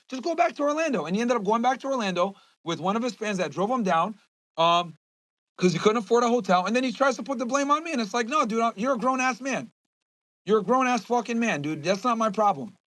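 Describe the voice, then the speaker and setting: Fast-talking high-voiced man ranting. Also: expressive, fairly bright tone, no echo, poor audio. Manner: heated, profane, repeats himself. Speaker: podcast host. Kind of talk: casual rant to viewers.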